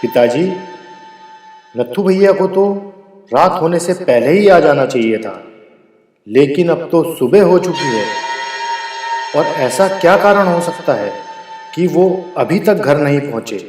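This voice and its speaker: A man's voice: on the high side, expressive, a little slow, long pauses, over music. A man voicing a worried, earnest and respectful young village son in a storybook tale. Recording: long reverb, clear background noise.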